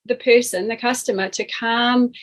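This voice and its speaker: A middle-aged woman on a video call, calmly explaining as a guest and workshop teacher, sometimes acting out examples. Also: a little high, moderate pace, poor audio. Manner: calm, explanatory, acts out examples. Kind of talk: casual chat, video call.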